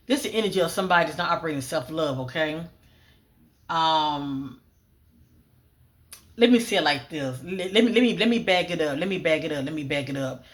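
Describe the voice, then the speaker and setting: A psychic energy reader speaking casually, reeling off clipped fragment cues, repeating phrases and rereading notes aloud between frequent fillers. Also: mid-range voice. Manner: lists clipped fragment cues, often "I'm getting". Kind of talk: solo psychic reading, spoken monologue.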